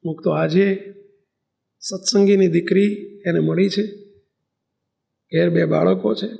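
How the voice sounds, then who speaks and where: A male preacher tells a story during a sermon and acts out the voices in it. His voice sits high and has a gravelly rasp. He narrates steadily. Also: steady tone, slow, warm tone. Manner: storytelling, acting out dialogue. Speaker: spiritual teacher.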